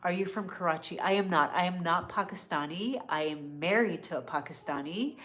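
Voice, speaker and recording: A middle-aged North American woman, born in Canada and raised in California, hosts a casual live wellness Q&A. Her voice is lowish and a bit bright, and she talks fairly quickly, chatty and earnest as she reads out viewer questions.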